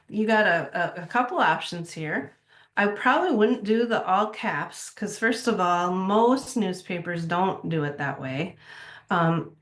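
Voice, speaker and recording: A woman editor giving a casual talk on writing style, relaxed and conversational, thinking aloud as she goes. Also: on the low side. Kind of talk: casual presentation.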